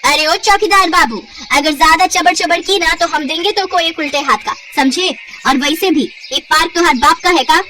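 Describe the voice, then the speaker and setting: A woman's voice: extremely high pitch, moderate pace, sharp tone, a little hiss or hum, voice pushed up. A woman voicing a brash, cheeky young rustic daughter-in-law who talks in village dialect in a cartoon story. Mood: defiant.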